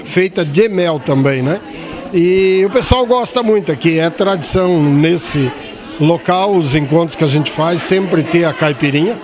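Hesitant farm owner, crowd behind. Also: male voice, on the high side. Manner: hesitant, with many fillers. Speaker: farm owner hosting the event. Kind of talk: on-site interview. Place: indoor hall at a farm event. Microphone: handheld mic held by interviewer.

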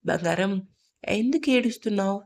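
A woman voicing a gentle young single mother comforting her daughter in a Telugu audio story, speaking softly. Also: medium pitch, animated, moderate pace, creaky. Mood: tender. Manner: soft, gentle. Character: tender young single mother, quietly sad.

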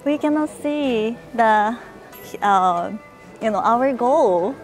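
Woman, travel vlogger, breathless on temple steps, unhurried and high, faint music underneath. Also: expressive. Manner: exclaims often, laughs a lot, searches for words. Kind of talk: casual walking vlog. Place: outdoors at a temple with many steps.

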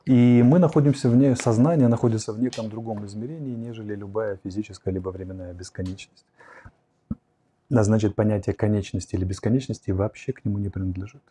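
A man in his forties with a fairly low, dark, slightly rough voice answers viewer questions during a livestream lecture on philosophy and psychology. He speaks reflectively, quickly and with fairly even intonation while explaining at a whiteboard, recorded on a lapel mic in a curtained studio room.

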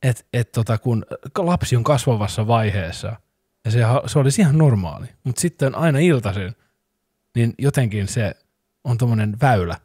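Husky-voiced man telling stories. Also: mid-range voice, dry recording, clean studio sound. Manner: animated storyteller, laughs often. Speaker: podcast co-host. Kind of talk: casual chat.

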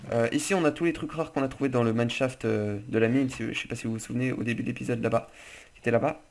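A man's voice: mid-range voice, fairly even intonation, very fast. Chatty man joking through game commentary. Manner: chatty, loose and joking, swears casually. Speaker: gaming channel host.

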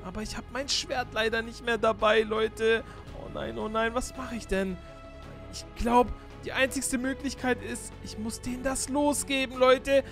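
A young man narrating a game role-play to his viewers with excitable, surprised exclamations. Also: very high-pitched, normal speed, faint music behind. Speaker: YouTuber playing through a Minecraft role-play.

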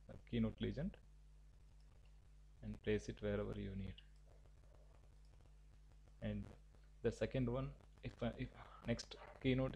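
A man teaching a software tutorial, giving halting step-by-step instructions with frequent restarts. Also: on the low side, creaky, slightly rough, rough recording. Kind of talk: screen-recorded software tutorial.

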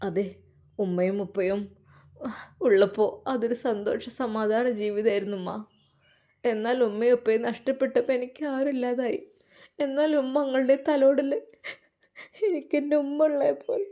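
A woman's voice: high-pitched, steady tone, moderate pace, voice pushed up, close to an everyday voice. A woman with a Malappuram Malayalam accent voicing a humble young bride who speaks in a tearful, pleading way.

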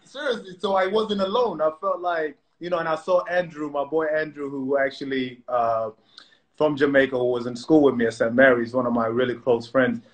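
A man's voice: on the high side, fairly even intonation, a little fast. A middle-aged man from South Sudan, telling his story in casual chat on a phone video call, with many restarts and "you know"s. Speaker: co-host. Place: indoor room at home. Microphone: phone camera video call.

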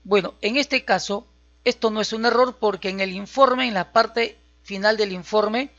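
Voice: medium pitch, moderate pace, a bit bright. An instructor talks through a computer tutorial step by step and keeps checking that listeners are following. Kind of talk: screen-recorded software tutorial. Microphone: voice-over on a screen recording. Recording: slightly dull, lo-fi audio.

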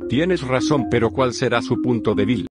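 A man plays a curious young sidekick in a cartoon comedy. He, slangy talk and a medium pitch, with clear music behind. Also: normal speed, close to an everyday voice. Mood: worried. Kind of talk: animated comedy dialogue.

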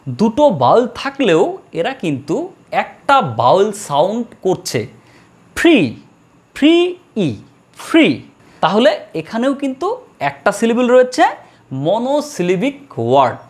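Woman grammar teacher, animated, stretches out each example word for the class. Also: medium pitch. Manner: slow drawn-out model words, repeated for students. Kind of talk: classroom lesson.

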